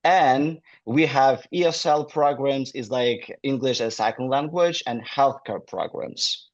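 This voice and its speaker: The guest, an admissions manager, speaks in an unhurried, mid-range voice with a Ukrainian accent. Chatting casually in an interview over a dull call, he leans heavily on fillers and non-native phrasing.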